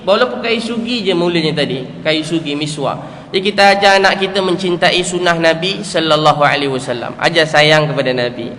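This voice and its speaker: A man's voice: high-pitched, a bit bright. A middle-aged man with a Malaysian accent preaching a sermon to a congregation. He tells earnest stories, repeats key phrases and asks rhetorical questions. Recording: echoey hall, faint background noise.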